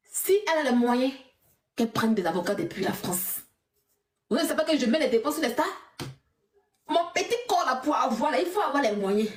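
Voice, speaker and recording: A woman's voice: fairly high pitch, darkish tone, roomy sound. A woman ranting on a livestream, defiant and mocking, often breaking into scornful laughter. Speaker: social media personality. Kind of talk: heated livestream rant.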